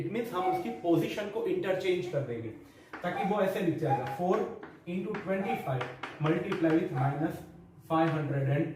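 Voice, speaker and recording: A man's voice: high voice, darkish tone. A man teaching a maths lesson to school pupils, explaining each step patiently and mixing English into Hindi. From India. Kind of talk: recorded online maths lesson. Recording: echoey, distant room mic with faint noise.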